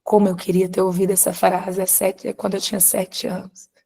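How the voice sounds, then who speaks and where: A woman from Brazil, teaching a live class through animated, confiding personal storytelling and calling students by name. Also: medium pitch, brisk, creaky, husky. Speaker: course instructor.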